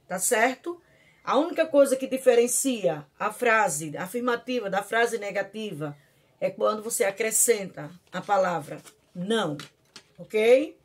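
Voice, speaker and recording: A woman teacher with a Brazilian Portuguese accent giving a recorded lesson, speaking slowly and often checking that her students follow. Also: medium pitch. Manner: slow, drawn-out dictation with frequent checking questions. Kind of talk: recorded video lesson on punctuation.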